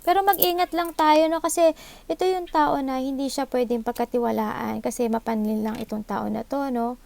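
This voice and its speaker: A woman's voice: high-pitched, fairly even intonation, moderate pace, gravelly, a little mellow. A woman with a Filipino accent doing a live tarot reading, thinking aloud into her microphone, mixing English into Tagalog and often seeking agreement. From Philippines. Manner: thinks aloud, mixes English into Tagalog, asks for agreement with short tag questions. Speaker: tarot reader. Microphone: own microphone.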